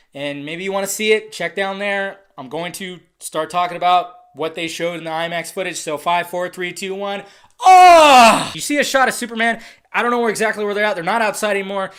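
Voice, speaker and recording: Excitable, foul-mouthed male reviewer. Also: high-pitched. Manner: excitable, profane, ranting; swings between loud outbursts and muttered asides. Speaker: movie trailer reviewer. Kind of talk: casual ranting review.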